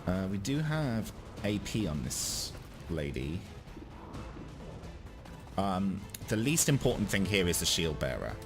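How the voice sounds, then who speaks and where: A man with a deep voice talks casually through a strategy game. He thinks aloud and drops dry asides, with game music playing behind him. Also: very animated, takes it slowly, long pauses. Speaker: gamer, video host.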